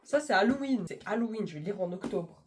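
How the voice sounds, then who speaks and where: A woman's voice: medium pitch, expressive, fast talker, a little hiss or hum. A young woman, chatting casually to camera as a book vlogger, gushing and self-mocking.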